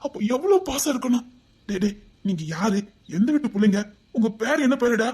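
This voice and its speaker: A woman plays a lonely uncle in a village web drama, with a Tirunelveli accent and a voice that sits a little high. He talks with deep feeling, pleading and close to tears, full of regret. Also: lively intonation, a little fast, dark tone, husky. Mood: tender. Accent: Tirunelveli Tamil. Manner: emotional, pleading, tearful. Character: grown man, a lonely, remorseful uncle.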